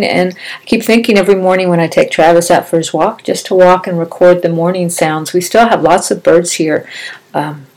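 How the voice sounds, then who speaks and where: A middle-aged woman with a slightly low voice hosts a casual podcast on her own. She talks in an upbeat, rambling, chatty way. Braces make her articulation a touch slurred and wet. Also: darkish tone, low-quality recording. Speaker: podcast host. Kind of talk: casual solo podcast chat.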